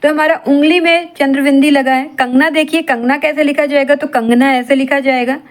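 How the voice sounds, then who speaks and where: High-voiced woman drilling a lesson. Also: a little fast. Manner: steady repetitive drilling, asks and answers her own questions. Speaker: teacher. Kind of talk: exam-prep grammar lesson.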